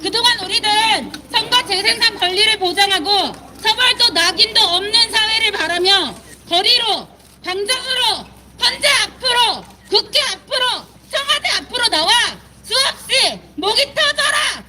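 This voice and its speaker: A woman activist at an outdoor press conference reading a statement and leading chants in a forceful, declaiming way. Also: very high-pitched, expressive, moderate pace, slight background noise, low-quality recording. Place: outdoor plaza.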